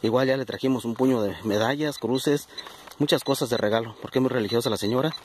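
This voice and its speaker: Un hombre con acento mexicano que narra con tono de charla su búsqueda con detector de metales en un campo, hablándole a sus seguidores como amigos. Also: male voice, medium pitch, fast, background noise. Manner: chatty, addresses viewers as friends. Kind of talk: casual outdoor vlog narration. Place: outdoors in a plowed field.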